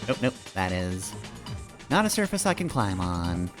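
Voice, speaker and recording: A man with a low-pitched voice narrates his video game as he plays, very animated yet at a measured pace. His commentary is casual and rambling, his thinking spoken aloud, over the game's music.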